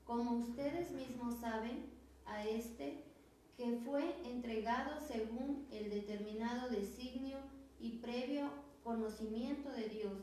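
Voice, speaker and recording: A Mexican woman in a Bible class reads scripture aloud at a slow, careful pace. Her voice is mellow and a little high. It is picked up from a distance in a very echoey room with faint noise. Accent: Mexican Spanish. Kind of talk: reading a Bible passage aloud. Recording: roomy echo, distant mic, faint noise.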